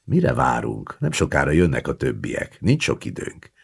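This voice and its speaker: A man's voice: extremely low pitch, wildly swooping pitch, vocal fry, husky, full character voice. A man voicing an impatient, carefree young woman in an audiobook reading. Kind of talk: audiobook character voice.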